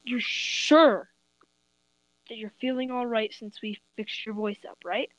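High-voiced girl hosting a homemade podcast drama. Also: fairly even intonation, measured pace, no echo, low-quality recording. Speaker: podcast host and drama player.

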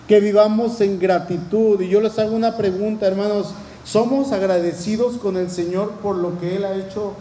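A man preaches to his congregation in an echoey church hall, his voice high and mellow. He talks in earnest and keeps putting questions to the listeners. A faint hum sits behind him. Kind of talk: sermon. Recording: echoey room.

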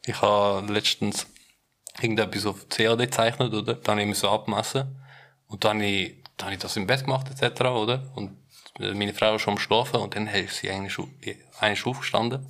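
Young Swiss German man, bright low voice, rambling anecdotes. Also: fairly even intonation, quick pace. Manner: rambling anecdotes with frequent tag questions. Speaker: podcast co-host. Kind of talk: casual chat among friends.

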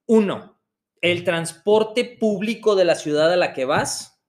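A man's voice: high-pitched, takes it slowly. A man with a Mexican accent co-hosting a podcast, chatting casually and telling stories with lots of slang. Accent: Mexican Spanish. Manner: slangy, animated storyteller. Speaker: podcast co-host. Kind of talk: casual travel chat.

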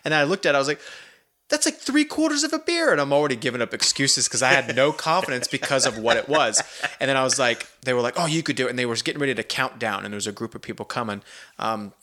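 A man telling a story in a casual chat, lively, acting out what people said in a raised voice. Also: medium pitch, racing. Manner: animated, acts out quotes in a raised voice.

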